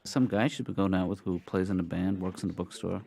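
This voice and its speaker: A soft-spoken therapist dad. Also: male voice, low voice, steady tone, brisk, vocal fry. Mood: hesitant. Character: gentle, earnest middle-aged therapist dad. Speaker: therapist father. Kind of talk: animated sitcom dialogue.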